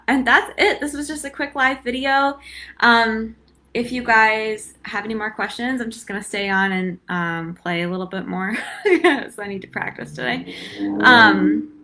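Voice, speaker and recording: Bright-voiced young woman chatting thru a flute lesson live, lots of ums. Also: fairly high pitch. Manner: chatty, many ums, laughs easily. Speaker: flute teacher. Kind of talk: casual live-stream lesson.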